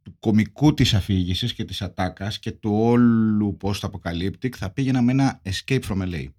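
A man co-hosting a casual film podcast, talking in an animated way and acting out little scenes. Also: on the low side. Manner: animated, acts out phone calls in funny voices. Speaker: podcast co-host.

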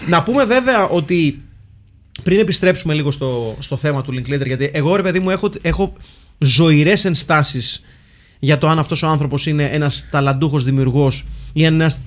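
A man, co-hosting a podcast in casual film chat, animated, slipping into English phrases and restarting his sentences. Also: a little high. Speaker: podcast co-host.

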